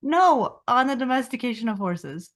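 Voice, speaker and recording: A woman's voice: fairly high pitch, very animated, normal speed. Laid-back woman podcast co-host. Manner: casual, reads search results aloud, trails off. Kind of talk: casual chat.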